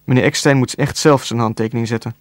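A man's voice: mid-range voice, fairly even intonation, fast, no echo, studio quality, close to an everyday voice. A man voicing a polite but insistent male waiter.

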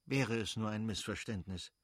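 Guy reading as an icy stiff official, measured and formal, storybook voice. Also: fairly low pitch, no room sound, studio quality, lightly acted. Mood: cold formal. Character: cold, formal, stiff middle-aged official.

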